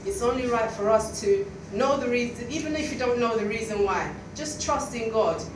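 Young woman giving a sermon at the church mic, lots of ums and restarts, roomy echo, heard from far back. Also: on the high side. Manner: conversational, halting with many fillers. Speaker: preacher. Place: small church hall. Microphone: stand mic at a lectern, filmed by a far camera. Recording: echoey hall from far off, noisy.

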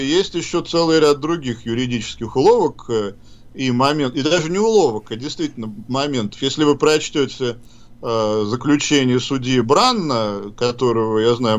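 A man hosting a call-in radio show, explaining things in a measured way with some hesitations. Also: mid-range voice, animated, dull audio. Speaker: radio host. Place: radio studio.

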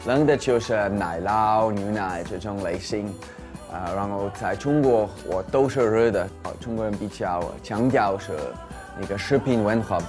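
A man's voice: on the low side, normal speed. A young man from Switzerland with a foreign accent in Mandarin, introducing himself as a dating show contestant in a video. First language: not Chinese. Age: young adult. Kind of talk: narrated video self-introduction. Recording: music playing behind the voice.

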